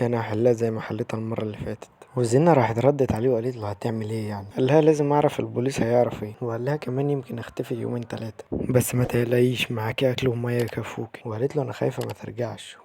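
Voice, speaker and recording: A man's voice: mid-range voice, dark tone. A man with an Egyptian accent narrates an episode recap, retelling each scene and quoting the dialogue line by line. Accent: Egyptian Arabic. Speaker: video channel host recapping a TV series.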